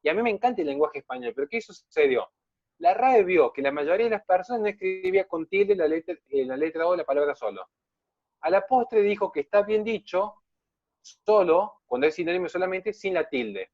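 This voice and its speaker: A man's voice: high voice, expressive, brisk, darkish tone, no echo. Emphatic man lecturing over a dull call. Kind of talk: online lecture answering questions.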